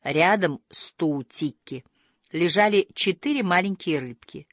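A woman narrating a storybook in a gentle, measured reading that slows at quiet moments. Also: on the low side, lively intonation, no room sound, studio quality.

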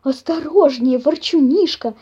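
A woman's voice: sits high, a little slow, dark tone, dull audio. Woman as a fussing mother bear. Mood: caring.

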